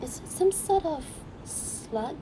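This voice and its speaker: A woman streamer giving casual reaction commentary in a cute, expressive anime-streamer manner. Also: high voice, slow pace, background noise. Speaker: streamer hosting a reaction video.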